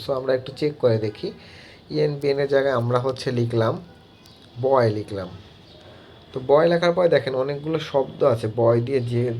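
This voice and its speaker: A man acting as a teacher, walking students through an app tutorial in a halting way with many filler words. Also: medium pitch, a little mellow, a little hiss or hum. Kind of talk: screen-recorded app tutorial.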